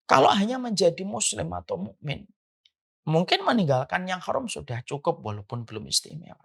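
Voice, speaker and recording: A preacher with a high, gravelly voice and a breathy edge delivers a religious lecture. His animated delivery rises and falls as he poses rhetorical questions along the way.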